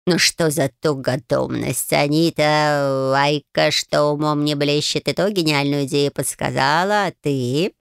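A woman putting on a sarcastic male cat familiar from a storybook, gravelly and low, dragging out every word with weary scorn. His voice sits deep and rough, with a tired, mocking drawl. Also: steady tone, unhurried, hardly any pauses, no echo, clean studio sound. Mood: grumbling. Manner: mocking, exasperated.

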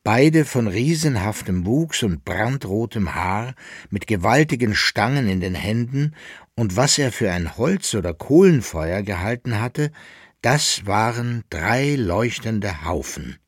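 A man's voice: on the low side, expressive, takes it slowly, slightly rough, no room sound. Male narrator for a radio reading of a novel; dry, close studio sound. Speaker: reader. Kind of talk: audiobook narration of a historical novel.

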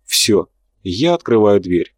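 A man reading as a hooded, untrustworthy male official who speaks in a muffled, hollow tone, low and dry, calm and measured as he gives orders. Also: husky, no room sound, heavily acted. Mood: instructing. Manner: measured, instructing.

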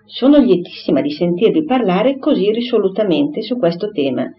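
A reader voicing a composed, clever young gentlewoman who speaks in a measured, earnest way in an audiobook. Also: medium pitch, lively intonation, lightly acted. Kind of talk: audiobook character reading. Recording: slightly dull recording, faint hiss.

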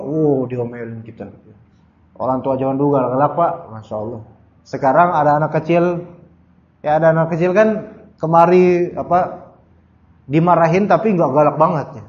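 A young male preacher from Jakarta gives a religious study lecture in a chatty, conversational way. His voice sits a little high for a man. He keeps turning to the listeners with asides, and the lo-fi recording sounds dull and muffled. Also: a little mellow. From Jakarta, Indonesia. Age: under 40. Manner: chatty, addresses audience directly with frequent asides. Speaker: Islamic preacher.

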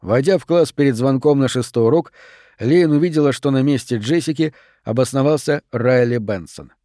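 A man giving scripted audiobook narration in an even, measured reading. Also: medium pitch, no room sound, studio quality.

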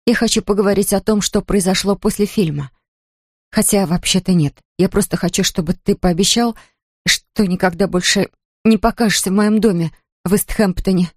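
A woman's voice: mid-range voice, moderate pace, no room sound, studio quality, natural voice. A woman reading an audiobook, voicing a flustered young heroine who talks plainly and hesitantly.

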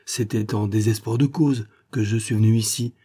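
A man's voice: fairly low pitch, fairly even intonation, normal speed, warm tone, breathy edge. A man voicing a distraught young woman who pleads anxiously for help finding her missing father. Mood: pleading, distressed.

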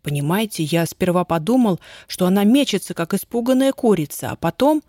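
A woman voicing a bold, boastful teenage boy who talks eagerly and excitedly. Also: mid-range voice, a little fast, no room sound, studio quality, close to an everyday voice. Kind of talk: audiobook character reading.

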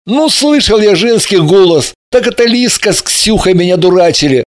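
A woman doing a gruff, blunt young man. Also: mid-range voice, animated, moderate pace, natural voice. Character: brash sardonic young man. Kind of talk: audiobook character voice.

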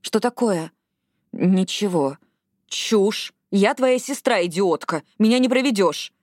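A woman's voice: low-pitched, expressive, slow pace, a little mellow, husky, dry recording, clean studio sound, full character voice. A woman reading an audiobook, voicing a young female athlete who bosses her sister with firm, blunt bursts. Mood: urgent.

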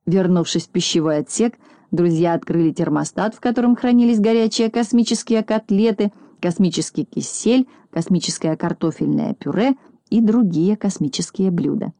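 A woman reads a children's story aloud in a calm, even way. Her voice is mellow and soft in tone. The sound is close and dry. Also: fairly low pitch, moderate pace, dry recording. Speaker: narrator.

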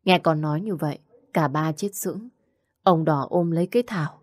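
A woman narrating a scripted horror tale in a steady, suspenseful way. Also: sits low, moderate pace, dry recording, clean studio sound. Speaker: storyteller.

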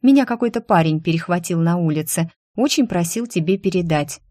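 A woman's voice: on the low side, expressive, fairly quick, warm tone, no echo, clean studio sound. Woman doing a whiny hungover young secretary. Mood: hurried. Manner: whiny, plaintive.

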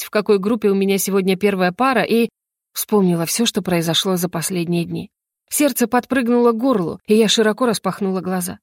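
A woman reading a fantasy novel aloud in first person, in an even, measured way. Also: mid-range voice, dry recording, clean studio sound. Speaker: audiobook narrator. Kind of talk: scripted narration.

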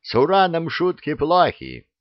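Storybook dragon, old, huffy and grumbling, read by a man, slow and lecturing. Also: on the high side, huge pitch swings, no echo, voice pushed up. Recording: dull dry recording.

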